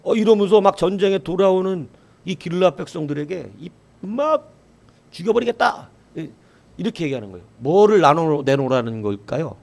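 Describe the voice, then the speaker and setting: Male pastor, sermon delivery, fairly high pitch, very lively intonation, keeps putting questions to the congregation and answering them. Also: quick pace. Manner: acts out quoted voices in a raised voice.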